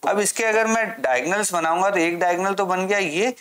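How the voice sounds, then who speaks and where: In a high, fairly bright voice, a man walks through a maths lesson for a class. He raises questions, then answers them himself, and reads out English at a slow pace.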